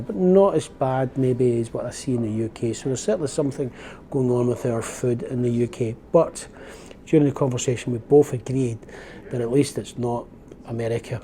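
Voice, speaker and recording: Riding outdoors on a windy open-top bus tour, a Scottish vlogger in his fifties from Glasgow chats and reflects casually, rambling and frequently correcting himself. He has a dark, mid-range voice, with slight background noise in the recording.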